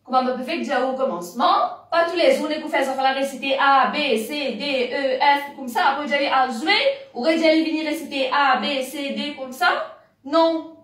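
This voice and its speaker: A woman teacher, slowly spelling out letters and syllables in a reading lesson for parents. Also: sits high, fairly bright tone. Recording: roomy, distant mic.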